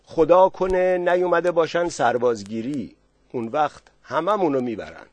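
A man's voice: a little high, animated, darkish tone, dry recording, voice pushed up, lightly acted. Man reading as a fretful villager, doubtful, raised voice, dry sound. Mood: uneasy.

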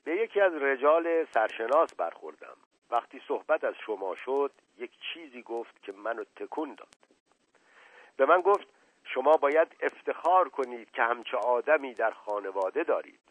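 A man voicing a middle-aged father, speaking with excited, earnest emotion, heard over a narrow-band radio broadcast. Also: medium pitch, pitched above the performer's own voice. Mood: stirred, earnest.

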